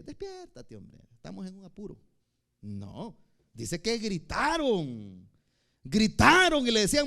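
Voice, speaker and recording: High, lively-voiced preaching man. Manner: preaching with sweeping swings in loudness, shouting peaks and hushed asides; acts out quoted pleas in a high crying voice. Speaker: pastor. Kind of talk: sermon.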